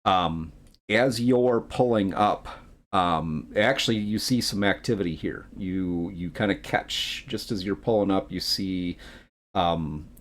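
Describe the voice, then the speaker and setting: A man narrating a tabletop role-playing game as game master, talking in a halting way with many pauses and restarts. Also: deep voice.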